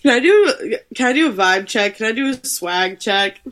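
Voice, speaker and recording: A woman's voice: on the high side, expressive, moderate pace, fairly bright tone. A woman playing a tabletop game, dry and hesitant, with many fillers. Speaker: player. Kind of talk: casual tabletop game play.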